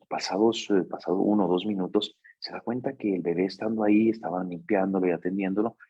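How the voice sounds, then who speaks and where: A man telling a personal story in a talk, hesitant, with fillers and repeated words, going soft at the sad parts. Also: low-pitched, husky, no echo. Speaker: life coach. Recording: dull, dry, lo-fi recording.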